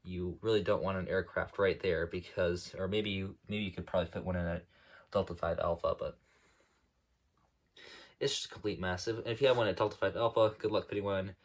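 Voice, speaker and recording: This young man's voice is low and deep, his tone steady, as he loosely talks through the model airport he built. Sore and dry in the throat, he rambles with lots of "uh" fillers and repeated self-corrections.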